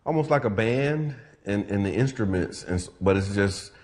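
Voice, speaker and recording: A man who hosts a community radio show, speaking in a relaxed, thoughtful way with many fillers. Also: lowish voice, normal speed. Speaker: radio show host and organizer. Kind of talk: casual reflective interview talk.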